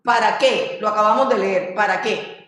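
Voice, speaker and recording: A woman teaching a Bible class in a lively way, with mocking asides and laughter. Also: mid-range voice, moderate pace, recorded from a distance, slight background noise. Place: church classroom. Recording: very echoey room.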